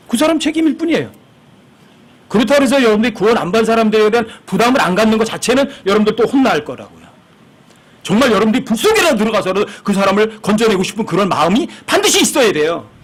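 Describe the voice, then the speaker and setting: A man's voice: sits high, sing-song, rapid-fire. A man preaching a sermon as pastor, talking conversationally with the congregation and acting out the people in his stories. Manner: acts out quoted voices, emphatic and conversational with the congregation.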